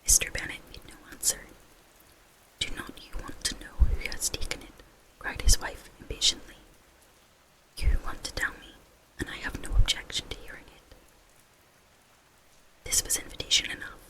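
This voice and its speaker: A whispering reader narrating a classic novel in a breathy, unvoiced ASMR whisper. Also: moderate pace, long pauses, sharp tone, poor audio.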